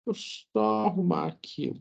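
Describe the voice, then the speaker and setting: A man's voice: sits high, unhurried, vocal fry, darkish tone. A man teaching an online lecture, walking through code in a casual way, often checking in with the class and correcting himself. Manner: casual, many filler checks, self-correcting. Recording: dull lo-fi audio.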